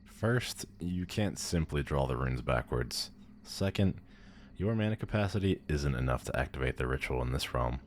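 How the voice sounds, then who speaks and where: In an ASMR audio roleplay, a man with an expressive bass voice plays a haughty, powerful demon lord, pompous, condescending and theatrical, bored yet amused. His mood is lofty and instructive, delivered at a moderate pace over slight background noise.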